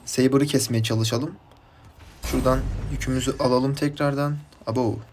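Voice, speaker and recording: A man from Turkey commenting casually on his mobile game match, chatty and rambling from topic to topic, with bursts of excited shouting at his teammates. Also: medium pitch, normal speed, a little hiss or hum. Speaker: gaming YouTuber.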